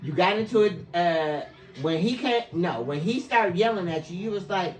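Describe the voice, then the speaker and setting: A woman hosting a casual talk show, lively and teasing with her guest. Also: on the low side, normal speed, echoey room, recorded from a distance, faint music behind. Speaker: host.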